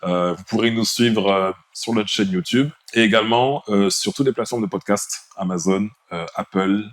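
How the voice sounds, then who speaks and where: A man with a baritone voice co-hosting a podcast in casual, informal chat. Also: moderate pace, dry recording. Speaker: podcast co-host.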